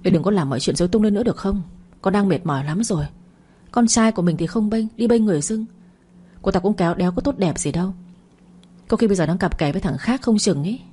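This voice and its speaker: A woman's voice: mid-range voice, expressive, fast, warm tone, slightly rough. A woman doing a callous irritable grown son. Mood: irritated. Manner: dismissive, snapping back.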